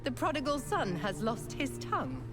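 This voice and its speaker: A woman with an English accent voices a vengeful, grieving undead vampire sister in a video game, mocking and unhinged. Her high, sing-song voice is theatrical, taunting, and drawn-out, with a bitter edge. Music plays beneath her.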